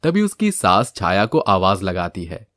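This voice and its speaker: A man narrating a moral storybook tale in a steady, even way. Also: low-pitched, a little slow, no echo, clean studio sound.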